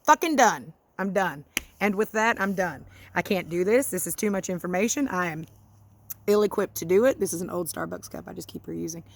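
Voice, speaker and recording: A woman's voice: fairly low pitch, fairly even intonation, brisk, gravelly, a little hiss or hum. A woman venting in a casual vlog about home-schooling her child, exasperated and self-mocking, swearing freely as she talks from her porch. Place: outdoors on a porch.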